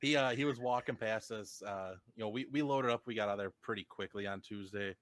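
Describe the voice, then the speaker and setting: A man co-hosting a racing podcast, telling stories in relaxed casual chat. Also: on the low side, fairly quick, dry recording. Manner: storytelling, relaxed, quotes others in excited voices. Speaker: podcast co-host.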